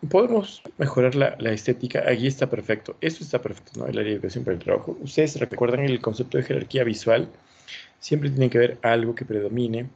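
Guy teaching online over a dull lo-fi line, raspy voice, encouraging. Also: mid-range voice, quick pace, darkish tone. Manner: encouraging, thinking aloud. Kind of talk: online class, reviewing student work. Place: online video class. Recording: dull lo-fi sound.

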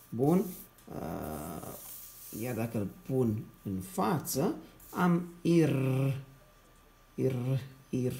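Gravelly-voiced man teaching children to read. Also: mid-range voice, dark tone. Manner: repeats syllables slowly and checks in with "da?"; patient, encouraging tone. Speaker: primary school teacher. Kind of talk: reading lesson for young children.

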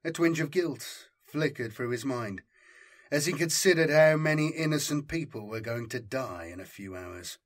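A man reads a scripted story as an audiobook, measured, solemn and dramatic. His voice is medium-pitched with lively intonation.

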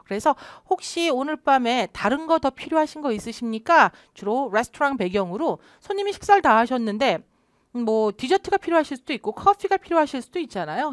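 A woman teaching a test-prep lesson, her voice a little high and swinging widely up and down as she explains and drills phrases. The sound is dry and close, with no room around her. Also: dry recording. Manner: explains and drills phrases, lively rising and falling delivery. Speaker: English test-prep instructor. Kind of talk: online lecture.

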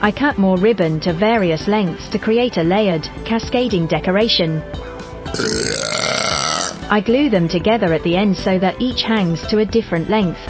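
A text-to-speech robot voice in a woman's register, narrating craft steps in an even, measured way. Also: mid-range voice. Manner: even, measured synthetic delivery. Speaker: doll customizer narrating her craft. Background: background music.

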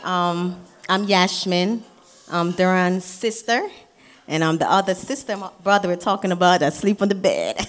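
A woman giving a wedding toast as the groom's sister, preaching and building to shouted declarations in a reception hall. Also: fairly low pitch, normal speed.

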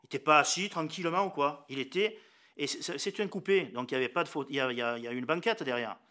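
A man, an eyewitness, recounting what he saw in a halting way, stammering and repeating words. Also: a little high, bright, forceful tone. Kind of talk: documentary interview.

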